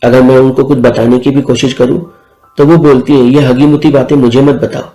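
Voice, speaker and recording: A man's voice: medium pitch, flat delivery, fairly quick, mellow, close to an everyday voice. A man reading an easygoing young boyfriend. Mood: casual. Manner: soothing, casual. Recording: echoey room with faint music.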